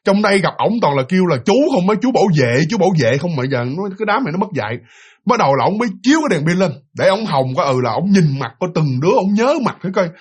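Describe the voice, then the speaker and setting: Husky fast-talking Southern Vietnamese man. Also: sits high. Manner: animated retelling with many fillers and repeats. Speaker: storyteller. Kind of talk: casual ghost story narration.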